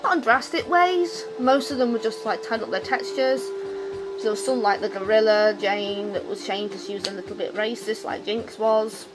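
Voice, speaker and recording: A woman's voice: mid-range voice, moderate pace, music in the background, rough recording. A drunk woman on a rambling, unscripted rant about her hobby, loose-tongued, opinionated and emphatic in an exasperated way. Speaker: video game commentator.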